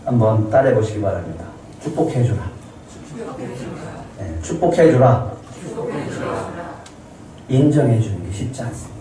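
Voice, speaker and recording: A man's voice: lowish voice, animated, quick pace, hardly any pauses, distant mic, a crowd in the background. A man preaching a Sunday sermon as a pastor, asking the congregation questions and answering them himself. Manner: acts out quoted people in a raised voice. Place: church sanctuary. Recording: very echoey room, voice from off the mic.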